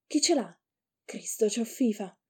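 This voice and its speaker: A woman voicing a nervous rough young man, anxious and fretful, in a read-aloud story. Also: fairly high pitch, lively intonation, a little slow.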